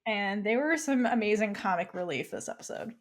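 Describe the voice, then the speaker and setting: A woman's voice: medium pitch, lively intonation, a little fast. A woman co-hosting a podcast, chatting casually as she retells an episode and acts out the characters' lines. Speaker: podcast co-host. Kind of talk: casual chat recapping a TV episode.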